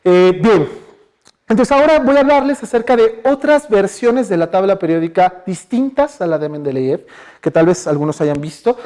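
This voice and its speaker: In a university lecture hall, a male guest speaker with a Mexican Spanish accent gives an easygoing public talk on science. He speaks in a somewhat high voice, chatting casually, quizzing the crowd, and padding his pauses with frequent "eh" and "ajá".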